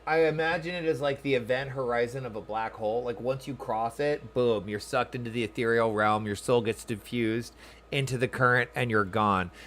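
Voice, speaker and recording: Musing aloud as he plays, this streamer chats casually with his audience about the game. He's a man with a medium pitch and a slightly bright sound.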